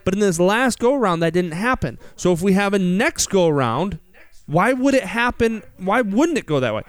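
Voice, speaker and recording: A man's voice: high-pitched, big pitch swings, moderate pace, clean tone. An American man hosting a financial talk show, explaining conversationally with rhetorical questions and emphatic repetition. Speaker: financial radio show host.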